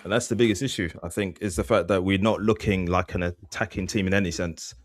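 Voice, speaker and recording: A man's voice: low voice, steady tone, fast talker, no echo, clean studio sound. A man hosting a casual football podcast, rambling with restarts and admitting he is slurring his words. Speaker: podcast host.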